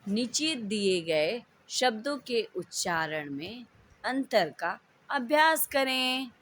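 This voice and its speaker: A woman leads an online lesson for young children. Her voice sits a little high and she speaks very slowly. She repeats each word patiently so the class can follow along. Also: sing-song, a bit bright, slight background noise. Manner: slow, patient, repeats words for children to copy. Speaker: teacher.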